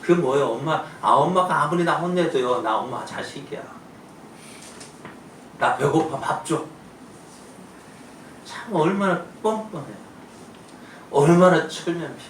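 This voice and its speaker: A male pastor preaching a sermon, who swings between loud pleading and soft asides. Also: on the high side, lively intonation, normal speed. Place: church sanctuary. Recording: echoey church room from a distance, faint noise.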